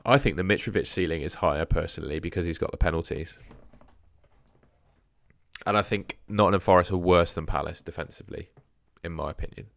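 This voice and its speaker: Fairly quick and low-voiced, a young man hosting a fantasy football livestream answers viewers in casual chat, slightly hoarse because his sore throat is costing him his voice. Lots of hedging, with line ends dropping off quietly, and the recording is dry.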